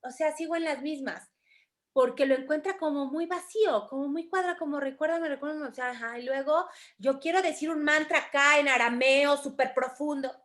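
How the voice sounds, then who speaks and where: A woman with a Mexican accent teaching a spiritual study course, talking in an animated way and addressing her students fondly. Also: high voice, fairly quick. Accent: Mexican Spanish. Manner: animated, acts out quoted voices, calls students affectionately. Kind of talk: teaching a course in an online group class.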